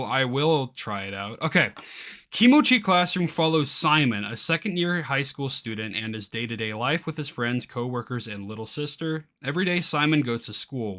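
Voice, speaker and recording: This excitable man, a YouTuber, reads aloud from a game's crowdfunding web page and riffs on it casually. His mid-range voice is bright and forceful, and he keeps exclaiming in easy disbelief.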